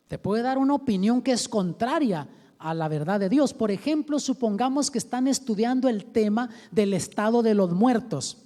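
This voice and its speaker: A male pastor teaching a seminar, full of questions for his listeners and lively in delivery. His voice is mellow and dark, and a long hall reverb trails every phrase. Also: extremely high pitch. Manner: animated, acts out quoted voices, asks the audience questions.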